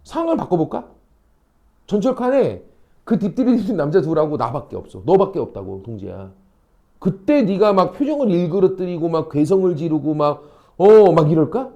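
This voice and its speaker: A male academy teacher lecturing high school students, animated and constantly checking in with questions. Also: moderate pace, muffled recording. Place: classroom.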